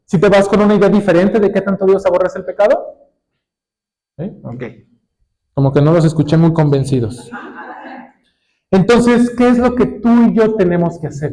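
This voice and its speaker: High-voiced preacher quizzing his church. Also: warm tone, rough recording. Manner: asks the congregation questions and waits for answers; reads scripture aloud slowly, drawing words out. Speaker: pastor. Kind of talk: sermon.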